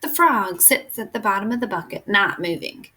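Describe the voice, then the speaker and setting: A woman reading a children's chapter book aloud in an expressive, unhurried way. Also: medium pitch, slight background noise, poor audio. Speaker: reader.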